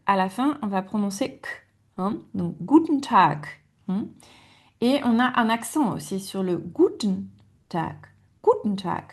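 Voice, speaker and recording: A middle-aged woman teaching a German lesson, patient and repeating words slowly for learners. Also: medium pitch. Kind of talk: online language lesson.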